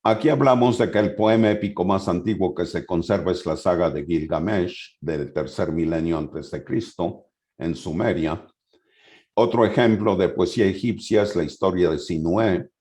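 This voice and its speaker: At a conference, a man with a deep, slightly mellow voice lectures by reading passages from his notes. He then explains them loosely, pausing hesitantly.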